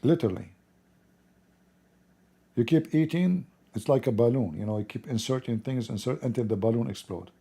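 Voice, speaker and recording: A man with an Arabic accent, a native Arabic speaker, giving blunt, informal political commentary in halting, repetitive non-native English. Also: mid-range voice, dark tone, breathy edge. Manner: blunt, opinionated.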